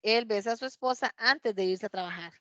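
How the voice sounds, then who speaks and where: A woman teaching an English class, patiently explaining grammar and repeating words slowly to model pronunciation, in dull lo-fi audio. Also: mid-range voice, a bit bright, no room sound.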